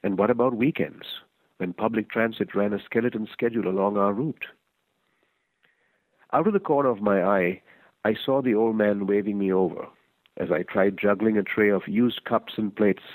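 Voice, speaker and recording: A man reading a first-person short story aloud in a measured, reflective way. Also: on the low side, no room sound, poor audio. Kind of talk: scripted story narration.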